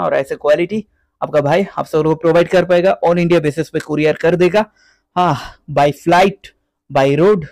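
A young man from West Bengal talks casually through a video tour of his fish farm. His voice sits a little high, and he keeps dropping English words and a running "theek hai" into his Hindi. The sound is close and dry. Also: a little mellow, no echo. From West Bengal, India. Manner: chatty, repeats "theek hai" often. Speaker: guppy breeder and seller. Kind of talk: casual vlog walkthrough.

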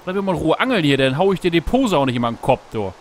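A man casually commenting on his gameplay while fishing, talking to himself, greeting animals in the game, and yelping excitedly at each catch. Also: fairly high pitch, rapid-fire, a little hiss or hum. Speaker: Let's Play host. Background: background game music.

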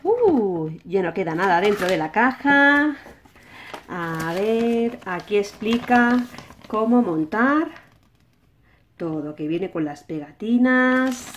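A woman's voice: mid-range voice, slight background noise. A woman with a Spanish accent from Spain hosting toy play for young children, sing-song and full of exclamations. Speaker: host of a children's toy channel.

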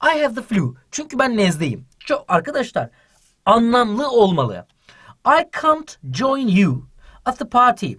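Animated husky male English teacher. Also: very high voice, measured pace. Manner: animated, translating English lines into Turkish. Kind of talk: online lesson for children.

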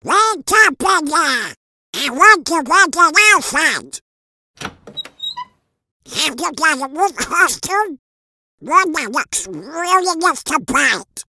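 A performer voicing an excitable, scheming male cartoon duck with a squawky duck voice in a comic dub. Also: sits high, slow, long pauses, no room sound, faint music behind, full character voice. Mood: indignant. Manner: excitable, loudly exclaiming.

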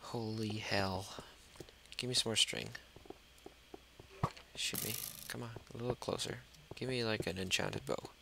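A man's voice: fairly low pitch, steady tone, measured pace, creaky, pauses often, noisy background. A man doing gameplay commentary, talking to himself and the monsters and dropping to a whisper when scared. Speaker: let's play host. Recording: loud mouse clicking over the voice.

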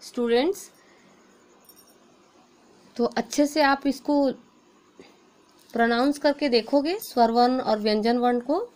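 Woman, indian accent, teacher, slow classroom lesson, careful drawn-out letters, slightly high voice. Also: a little mellow, rough recording.

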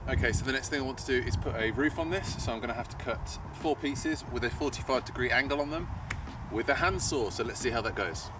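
Out on a paved patio next to a field, a thirty-something British man gives self-deprecating, informal commentary over his woodworking vlog. He talks fast in a mid-range voice, and there's heavy background noise.

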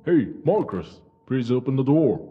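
A man's voice: medium pitch, big pitch swings, a little slow, husky. A man voicing a possessed man outside a closed door, muffled through it and insistently repeating his pleas. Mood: urgent. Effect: muffled voice calling through a closed door. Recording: dull muffled sound with loud music.

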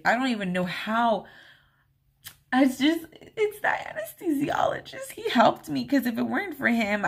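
Woman vlog host at a medium pitch, chatty and emotionally open, filler-heavy storyteller. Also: vocal fry, a bit bright. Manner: chatty, rambling, many "like" and "um" fillers; open and emotional when recalling events. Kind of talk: casual personal storytelling.

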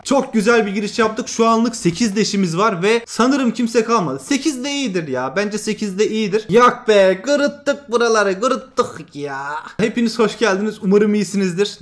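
A young man hosting a mobile shooter channel, giving excitable, trash-talking live commentary that swings between loud outbursts and muttering. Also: sits high, fairly quick, hardly any pauses. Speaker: gaming channel host.

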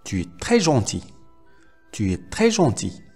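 A man teaching a language who reads short everyday phrases and repeats each one several times, slowly and clearly. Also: medium pitch, huge pitch swings, a little mellow, soft background music. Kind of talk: slow phrase drills for learners.

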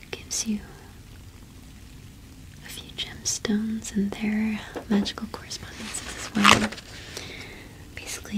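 Speaking in a soft, breathy whisper close to the mic, a young adult woman with a mid-range voice acts as a cottage witch shopkeeper. The ASMR roleplay is gentle and halting, and the recording is low quality.

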